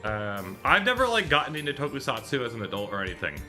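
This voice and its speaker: His medium-pitched voice swoops wildly, fast, bright and forceful, as this man in his thirties hosts a visual novel readalong stream with faint music behind. The chat is casual and digressive, full of self-corrections.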